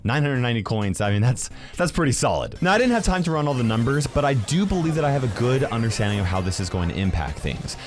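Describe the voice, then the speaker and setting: Animated man hosting gaming news. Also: mid-range voice, fast. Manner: emphatic, conversational, with tag questions. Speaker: gaming video host. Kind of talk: casual gaming news commentary.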